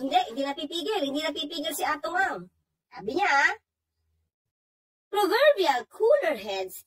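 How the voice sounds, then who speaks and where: A woman's voice: high voice, low-quality recording. A woman co-hosting a casual talk show, reading English passages aloud and commenting on them in Tagalog. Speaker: co-host.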